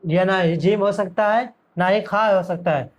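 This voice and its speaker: A man's voice: sits high, highs cut off. A man teaching Quran reading letter by letter, asking his own questions and answering them, drawing out the letter names. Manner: drawls letter names very slowly. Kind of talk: letter-by-letter lesson.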